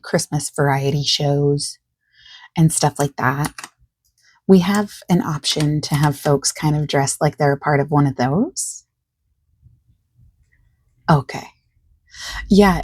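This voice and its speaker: Close to the mic in a very dry recording with no room sound, a woman speaks softly in a low, mellow, husky voice with some creak. As an ASMR creator, she improvises a one-sided phone call as a friendly salesperson, gently over-explaining in an unhurried, reassuring manner.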